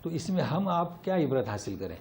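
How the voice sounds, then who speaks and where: A middle-aged man giving a Quran commentary lesson, animated, rising and dropping sharply for emphasis, reciting Arabic slowly. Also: fairly high pitch, slight background noise. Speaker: Quran teacher. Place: lecture hall.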